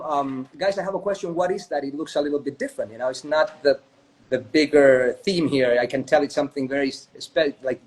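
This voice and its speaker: A higher-voiced man from Chile, co-founder of a spirits company, chats his way through a long anecdote in a laid-back video-call interview. He keeps checking in with his listener by adding "right?"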